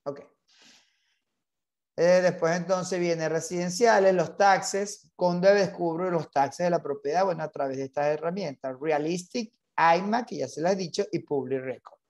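A man's voice: fairly high pitch, moderate pace, darkish tone. A man leading an online real estate training class, insistent and repetitive, mixing English terms into his Spanish.

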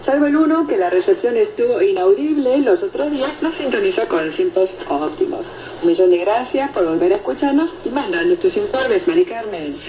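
Heard through static-heavy shortwave that sounds muffled and echoey, a woman hosts a radio show at a medium pitch. She talks a little quickly with lively intonation, handling listener reports in a conversational presenting manner.

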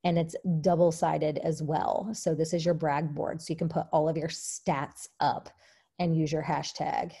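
A woman's voice: sits low, level tone, unhurried, vocal fry, dark tone, breathy edge. A woman leading a casual online training call for her team, chatty and upbeat with many fillers, a bit out of breath. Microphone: video call.

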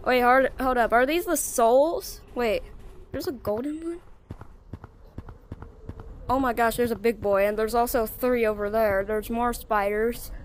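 A woman giving casual gameplay commentary, slangy and chatty, breaking into sudden gasps and rapid repeated exclamations. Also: a little high, a little hiss or hum. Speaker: gaming video creator.

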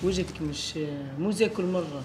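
A man's voice: sits high, normal speed, background noise. A man hosting a prank vlog, talking in casual, insistent and nagging banter.

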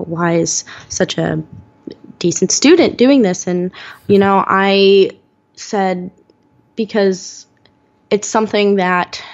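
An eighteen-year-old woman telling her own story as a guest in an interview, earnest and pausing often with "um". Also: medium pitch, lo-fi sound. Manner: earnest, many "um" pauses. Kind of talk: podcast interview, personal story.

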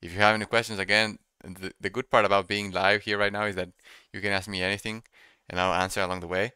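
A young man doing casual live trading commentary, thinking out loud and repeating his phrases as he muses. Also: on the low side, level tone, fast talker, clear, resonant tone, no echo. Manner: repeats phrases while musing to himself. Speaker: day trader streaming live. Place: small room indoors at a computer desk.

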